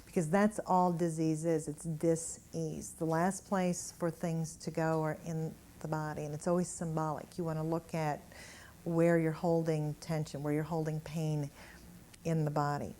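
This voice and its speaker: Low-voiced woman telling healing anecdotes. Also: moderate pace, a little hiss or hum. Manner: animated storytelling, chuckling through anecdotes. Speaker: energy healer giving a workshop talk. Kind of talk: live talk to an audience, anecdotes and demonstration. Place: indoor room with a gathered audience.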